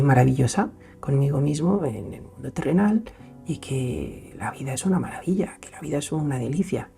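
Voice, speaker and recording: Gravelly-voiced young Spanish man musing. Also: mid-range voice. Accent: Spain Spanish. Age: young adult. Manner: earnest, searching, pauses and restarts, swings between loud and hushed. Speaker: host. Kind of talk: reflective solo talk.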